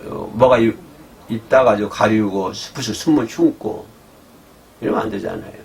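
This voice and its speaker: A man's voice: medium pitch, creaky, a little hiss or hum. A male pastor preaching a sermon, often checking in with the congregation and acting out scolding quotes. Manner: acts out God's scolding voice in quotes.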